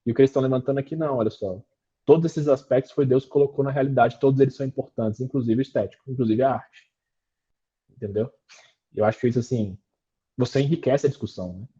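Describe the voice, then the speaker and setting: A man's voice: mid-range voice, fast talker, dark tone, husky, muffled recording. A man leading a book study discussion, explaining his ideas thoughtfully and often checking in with tag questions.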